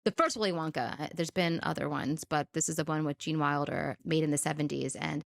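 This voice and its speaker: Lower-voiced woman, animated podcast co-host. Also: brisk, vocal fry, no room sound, clean studio sound. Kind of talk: casual chat.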